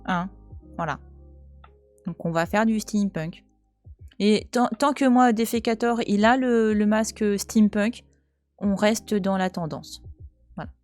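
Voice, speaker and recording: A woman's voice: medium pitch, slow pace, long pauses, a little mellow, no echo. French streamer lady in her 30s, chatty and teasing, faint music behind her. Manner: chatty, teasing, talks back to chat. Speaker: Twitch streamer. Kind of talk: casual live-stream chat while playing. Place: at home, cat nearby.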